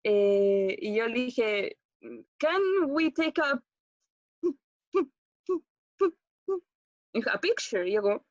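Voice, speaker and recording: A woman's voice: a little high, no room sound. A young woman with a Chilean Spanish accent tells a personal story as a class monologue, hesitant and rambling with fillers and restarts. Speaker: acting student. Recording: dull, dry recording.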